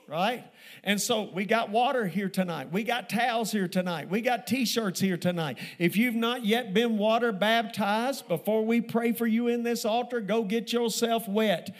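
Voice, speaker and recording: A man preaching a sermon to a church congregation. He builds emphasis with repeated phrases and slows down to stress scripture. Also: very high-pitched. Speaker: pastor. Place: church sanctuary.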